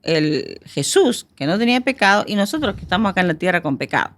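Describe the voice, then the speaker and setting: A woman's voice: on the low side, big pitch swings. Affirming woman podcast co-host. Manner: affirming, conversational, quick agreements.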